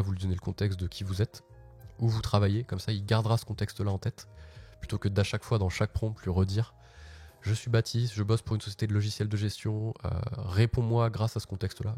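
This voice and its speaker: A man's voice: lowish voice, fairly even intonation, fast talker, warm tone. A man hosting a casual live tech walkthrough from his office, chatty and slangy, often restarting his sentences. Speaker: host.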